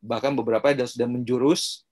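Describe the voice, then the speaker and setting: A male podcast guest explains his views in a calm, measured way. His voice sits at a middle pitch for a man. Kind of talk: casual podcast chat.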